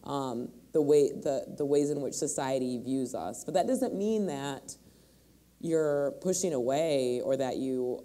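Warm-voiced woman panelist, thoughtful. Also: extremely low pitch. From Michigan. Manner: thoughtful, searching, many restarts. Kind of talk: panel discussion. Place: large hall on a stage.

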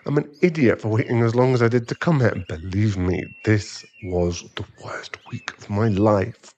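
For an ASMR audio roleplay, a man plays a remorseful sugar-daddy boyfriend who hesitates and stammers while earnestly begging forgiveness, sounding pleading and regretful. His voice is fairly low and darkish, at a moderate pace.

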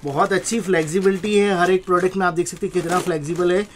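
Indian man giving an emphatic sales pitch. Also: fairly even intonation, fast, a little hiss or hum. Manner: repetitive, emphatic selling patter.

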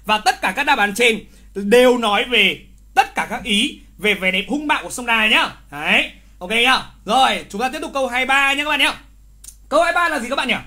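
A male literature teacher running a live online exam review, lively and teasing, who repeats key words and scolds wrong answers with exclamations. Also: very high voice, fairly quick.

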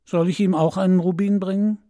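A man's voice: lively intonation, a little slow, warm tone. A man voicing an eager little swallow. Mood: pleading. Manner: high and eager, pleading. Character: restless, kind-hearted little male swallow. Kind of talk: audiobook fairy-tale reading.

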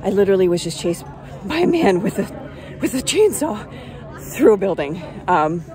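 A woman's voice: medium pitch, very animated, moderate pace, crowd noise. A woman, chatting upbeat into a phone held at arm's length outdoors at night. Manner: chatty, upbeat selfie commentary. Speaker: real estate vlogger. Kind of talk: casual vlog tour. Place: outdoors at night at a farm attraction.

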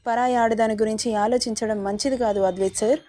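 Brief: woman doing a wounded, sharp-tongued young woman, higher voice, mellow tone, reproachful. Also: fairly even intonation, fast, soft background music, lightly acted. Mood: hurt, reproachful. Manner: reproachful, pleading questions.

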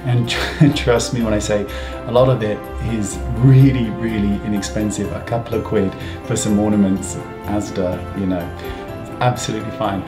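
A man's voice: fairly low pitch, steady tone, moderate pace. A man, chatting wryly and gushing to camera from his home. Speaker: vlogger. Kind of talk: casual chat to camera. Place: home living room, indoors. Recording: roomy echo, faint music behind.

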